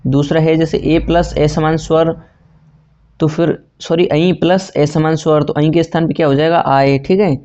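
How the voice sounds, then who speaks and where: A man's voice: fairly high pitch, level tone, moderate pace, warm tone, lo-fi sound. A man teaching a grammar lesson for exam preparation, asking and answering his own questions and correcting himself as he goes. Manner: self-correcting, says sorry mid-sentence.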